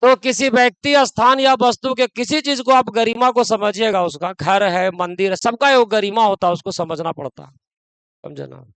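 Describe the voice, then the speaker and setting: Man, grammar teacher, very high voice, dry close sound, classroom lecture. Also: moderate pace, a bit bright, smooth, no echo, poor audio. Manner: scolds students in local dialect between explanations.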